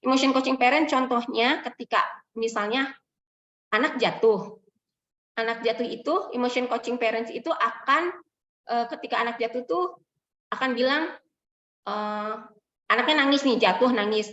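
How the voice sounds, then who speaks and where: A woman speaking gives a parenting talk in a fairly high voice. She is picked up from some distance in an echoey room. The sound is slightly muffled. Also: normal speed, a bit bright, a little hiss or hum. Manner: explanatory, acts out parent and child quotes. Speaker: child psychologist speaker.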